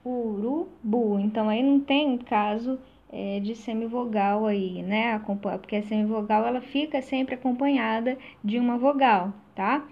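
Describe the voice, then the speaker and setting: Woman teacher, fairly high voice, slow and halting; dull lo-fi recording. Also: vocal fry. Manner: slow, with many "né?" tag questions and hesitations. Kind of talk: recorded class lesson.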